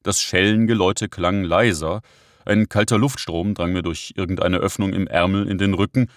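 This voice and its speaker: Guy reading an audiobook, low voice, steady, very dry booth sound. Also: moderate pace, no room sound. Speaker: narrator. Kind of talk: audiobook narration.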